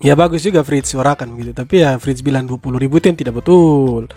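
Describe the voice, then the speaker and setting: A man hosting, calmly explaining and commenting on the clips in casual speech. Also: mid-range voice, fast, faint music behind. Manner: calm, amused, explanatory. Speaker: host reacting to clips.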